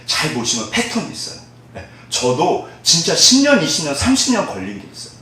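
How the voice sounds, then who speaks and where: A man's voice: fairly high pitch, huge pitch swings, fairly quick, pushed and bright. A male pastor preaching a sermon, quizzing the congregation and having them repeat after him, often laughing. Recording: very echoey hall, mic at a distance.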